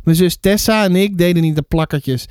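A man reading a children's book aloud for a podcast, lively and stumbling now and then over words. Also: high voice, a little fast, clear, resonant tone, no echo, clean studio sound. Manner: lively, with fillers and self-corrections.

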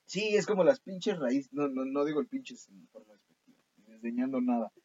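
A man's voice: mid-range voice, lively intonation, fairly quick, darkish tone, breathy edge, no room sound. A man with a Mexican accent co-hosting a casual horror film podcast, joking in slang and searching for words. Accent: Mexican Spanish. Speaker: podcast co-host. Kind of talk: casual chat about horror films. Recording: dull dry lo-fi audio.

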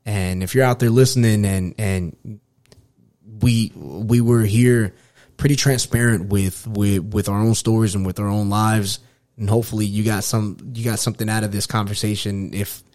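A middle-aged man from New York hosting a podcast, talking casually and earnestly, often halting and repeating his phrases. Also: lowish voice, steady tone, a little mellow, no room sound, clean studio sound. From New York, United States. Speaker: podcast host.

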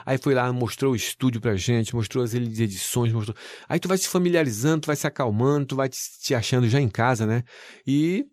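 A male news presenter tells his story in a lively, folksy way, full of exclamations. His voice sits at an ordinary middle pitch. The sound is dry and close, with no room echo. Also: fairly quick. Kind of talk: interview storytelling.

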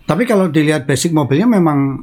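Quick-talking man asking podcast questions. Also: fairly high pitch, lively intonation, darkish tone. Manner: prompts his partner with quick questions. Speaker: podcast co-host. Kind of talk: casual podcast chat.

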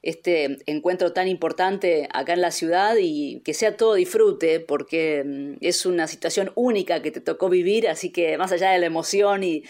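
A woman hosting a radio interview speaks in a somewhat low voice. She strings long congratulatory sentences together, pausing on soft hums between phrases. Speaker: radio host.

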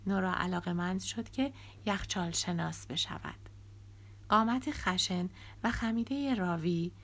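A woman narrating an audiobook in a soft, measured way, sometimes close to a whisper. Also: fairly low pitch. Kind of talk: scripted narration.

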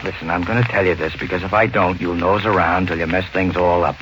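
A man playing a gruff, dismissive hotel detective, blunt and slangy, in 1940s radio style. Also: sits low, fairly even intonation, fast talker, dull audio, lightly acted. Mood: confiding. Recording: old radio recording, faint noise.

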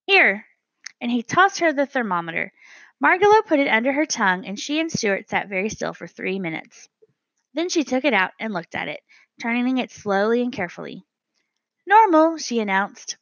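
A woman reading a children's storybook aloud as narrator, measured and gentle. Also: a little high, very animated, no room sound, muffled recording. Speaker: audiobook narrator.

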